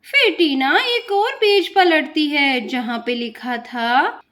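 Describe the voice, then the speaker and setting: A woman's voice: high voice, takes it slowly, a bit bright. A woman narrating a children's doll story in a plain, scripted storytelling way.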